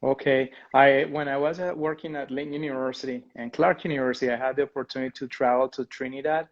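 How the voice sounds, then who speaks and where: A man's voice: mid-range voice, steady tone, quick pace, lo-fi sound. A man hosting a livestream interview, enthusiastic and upbeat as he asks his guest questions. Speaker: host.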